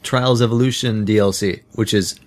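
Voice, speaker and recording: A man co-hosting a casual podcast, talking eagerly about video games with quick comebacks. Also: lowish voice, steady tone. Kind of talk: casual chat and game talk.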